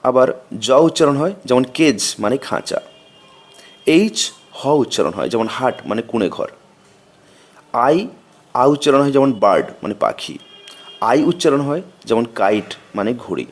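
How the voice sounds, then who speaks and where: Guy reading out a grammar lesson slow and steady, bengali first language, voice bounces up and down a lot. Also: medium pitch. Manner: slow, methodical recitation of letters and meanings. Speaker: teacher.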